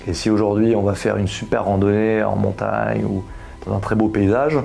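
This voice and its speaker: A man's voice: lowish voice, little pitch movement, moderate pace, creaky, a little mellow, soft background music. A man in his thirties giving an earnest personal testimony, explaining his views with homely comparisons. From France. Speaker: husband giving a faith testimony.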